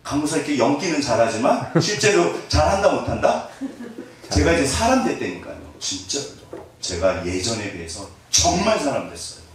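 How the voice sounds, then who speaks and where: A man's voice: medium pitch, sing-song, moderate pace. A middle-aged man preaching a sermon as pastor, joking with the congregation and acting out little scenes. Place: church hall. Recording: echoey hall, mic at a distance, faint noise.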